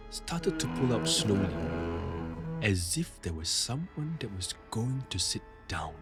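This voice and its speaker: A male podcast host retelling a listener's ghost story in a casual, conversational way, with frequent asides. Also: fairly low pitch.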